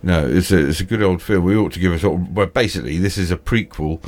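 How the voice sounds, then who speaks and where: A British man with toothless, slightly slurred speech, hosting a casual film chat in a halting, repetitive, rambling way. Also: low voice, darkish tone. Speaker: film discussion host.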